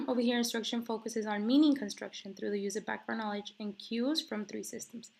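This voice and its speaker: Still getting over an illness and coughing occasionally, a woman presents a textbook chapter as a student, reading slides and chatting through them with many fillers. Her voice is on the high side, a little mellow with gravelly fry, fairly even in intonation and a bit fast.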